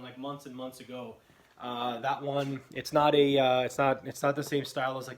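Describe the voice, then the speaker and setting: A man's voice: mid-range voice, fairly bright tone. A man casually presenting a product review vlog in an echoing basement, rambling and often restarting his phrases. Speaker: host of a bowhunting video channel. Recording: echoey basement room, noisy background.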